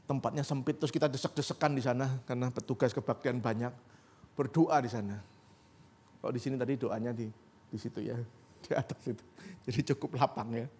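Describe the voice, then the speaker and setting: A man's voice: medium pitch, fairly quick, a little mellow, breathy edge. A man preaching a sermon as pastor in a church, conversational and rising to emphatic peaks. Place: church sanctuary.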